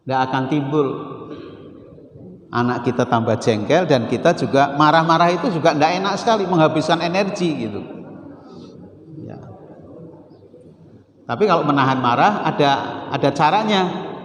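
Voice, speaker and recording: A man with a Javanese accent preaching a Sunday morning sermon in a mosque, teasing his listeners with questions and repeating key phrases slowly. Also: a little high. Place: mosque hall. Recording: roomy hall echo with faint noise. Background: congregation laughing from far off.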